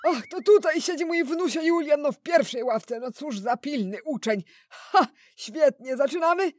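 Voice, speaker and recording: A woman's voice: sits high, expressive, moderate pace, a little mellow, no echo, studio quality. A woman voicing a doting, chatty old grandfather toy figure who fusses affectionately. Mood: proud. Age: older. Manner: fussing, affectionate, old-fashioned. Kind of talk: toy-figure cartoon voice acting.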